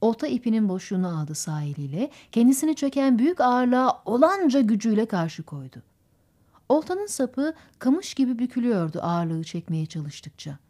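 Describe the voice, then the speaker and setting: Woman narrating an audiobook, lively pitch. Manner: measured storytelling, voices characters. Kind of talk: scripted literary narration.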